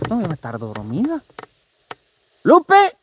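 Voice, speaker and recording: High, lively Mexican man, crude teasing. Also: moderate pace. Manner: crude, teasing, swears freely. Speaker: live-streaming vlogger. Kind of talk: casual live-stream chat. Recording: noisy live-stream audio.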